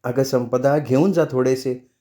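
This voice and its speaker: A man voicing a patient older mother who speaks softly to calm a family quarrel. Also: a little high, moderate pace, close to an everyday voice. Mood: weary. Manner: soft, placating.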